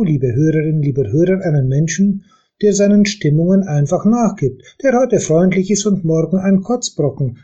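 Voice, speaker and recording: A man's voice: a little high, husky. A male pastor giving an earnest radio devotional and speaking straight to the listener. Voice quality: warm, earnest, directly addresses the listener.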